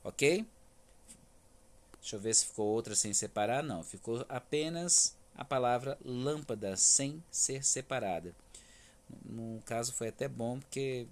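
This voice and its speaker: A male primary school teacher with a Brazilian Federal District accent, giving a remote class and patiently checking in with his students after each point. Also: mid-range voice. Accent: Brazilian Portuguese, Federal District. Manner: patient, stresses words syllable by syllable, frequent "tá?" checks.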